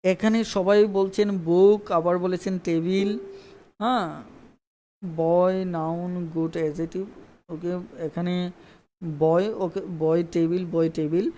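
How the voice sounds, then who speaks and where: A man's voice: high voice, fairly even intonation, takes it slowly, long pauses, warm tone, slight background noise. A man teaching an online English grammar lesson live. He repeats points and keeps checking that viewers understand. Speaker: English tutor.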